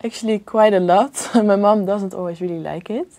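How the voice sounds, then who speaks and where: A woman's voice: mid-range voice, moderate pace, dark tone. A young woman from the Netherlands, answering exam questions hesitantly with many fillers and restarts. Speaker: exam candidate. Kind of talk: spoken English exam answers.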